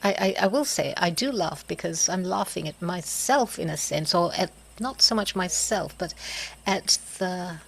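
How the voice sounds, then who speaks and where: A middle-aged woman speaking in a halting, reflective way, pausing often and letting out soft laughs and sighs. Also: fairly low pitch, expressive, gravelly, a little hiss or hum, low-quality recording. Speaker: host of a reflective video series. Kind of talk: slow personal reflection.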